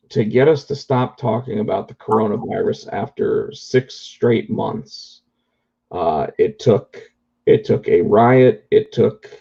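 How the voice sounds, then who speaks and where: A man's voice: on the low side, creaky, warm tone, husky, lo-fi sound. A man co-hosting a casual talk show remotely from home, chatting conversationally. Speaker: podcast co-host. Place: indoors at home, remote call.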